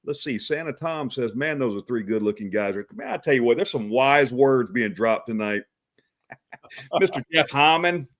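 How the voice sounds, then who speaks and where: Hosting a casual livestream talk show, a Texan man speaks in an animated mid-range voice at a moderate pace, with a slightly bright tone. He's friendly, greets viewers by name, keeps calling them brother, and chuckles often.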